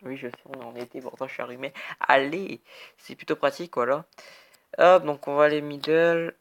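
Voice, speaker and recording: The recording carries a little hiss or hum as a young gamer talks a little fast in a steady, high-ish voice. He's a YouTuber with a cold, sniffly and somewhat congested. His casual gameplay commentary rambles along with "hop, bam" sound words.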